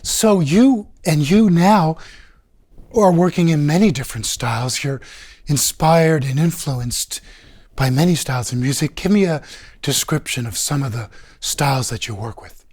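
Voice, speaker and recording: A man's voice: a little high, moderate pace, a little mellow. Middle-aged male podcast host. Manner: friendly, with brief acknowledgments and restarts. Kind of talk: interview. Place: small studio set, seated indoors.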